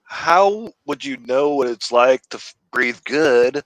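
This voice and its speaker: A man's voice: medium pitch, lively intonation, slow, fairly bright tone, dry recording, rough recording. A man co-hosting a casual chat on a video call, blunt and joking, swearing freely. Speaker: co-host.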